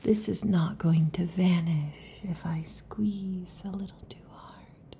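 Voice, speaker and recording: In an ASMR roleplay, a woman plays a possessive snake-woman lamia, whispering intimately into a close, sensitive mic in a gravelly, low, mellow tone with fairly even intonation. She teases slowly and softly, coiling around the listener, with a little hiss or hum in the background.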